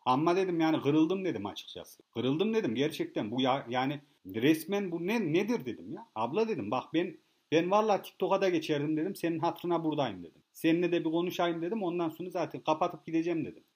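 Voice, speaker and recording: A man's voice: on the high side, lively intonation, quick pace, darkish tone. A man telling a rambling, boastful comic story straight to his listeners, swearing freely and repeating himself as he goes. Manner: boastful, profane, rambling, addresses listeners as kids. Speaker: comedic monologue host. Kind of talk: casual rambling comic rant.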